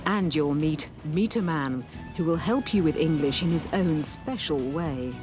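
A woman narrating an English course in a clear, encouraging, deliberate way. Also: sits low. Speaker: programme narrator. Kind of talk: scripted narration for language learners. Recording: music playing behind.

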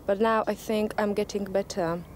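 A woman's voice: medium pitch, fairly even intonation, normal speed, a little hiss or hum. A woman from Slovakia, a native Slovak speaker and au pair, speaking careful learner's English with a Slovak accent.

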